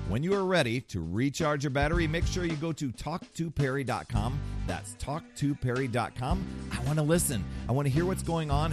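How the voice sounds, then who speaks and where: A man hosting a motivational fitness podcast, talking with energy and rising into salesy, upbeat sign-offs. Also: mid-range voice. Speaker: podcast host and fitness coach.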